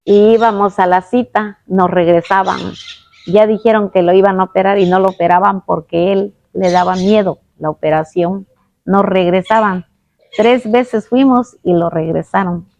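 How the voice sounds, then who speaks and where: A woman's voice: mid-range voice, moderate pace, a little mellow, dull audio. Earnest woman telling her testimony. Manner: earnest storytelling with many restarts. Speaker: guest giving a testimony. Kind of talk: personal faith testimony.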